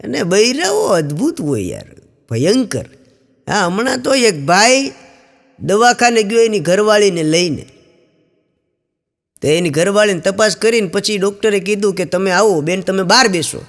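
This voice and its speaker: High-voiced man telling jokes in a hall. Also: very animated, normal speed. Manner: storytelling, acting out quoted characters with raised pitch. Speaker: stand-up comedian. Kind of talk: Gujarati joke telling to an audience. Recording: long hall reverb.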